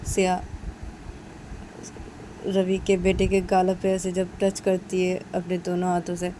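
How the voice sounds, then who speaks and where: A woman's voice: fairly low pitch, completely flat delivery, slow pace, dark tone, slight background noise, low-quality recording. A woman telling a story casually, chaining events with repeated linking words. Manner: repetitive, chains events with filler links.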